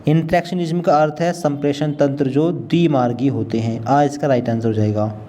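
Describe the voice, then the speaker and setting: A man working through multiple-choice exam questions and their answers in a steady, matter-of-fact way. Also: mid-range voice, moderate pace. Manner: steady, matter-of-fact, repeats the right option. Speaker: teacher.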